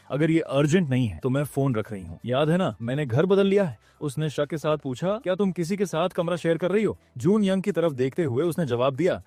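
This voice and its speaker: A man narrating a story recap, reading every character's lines with only slight pitch shifts. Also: a little mellow, no room sound.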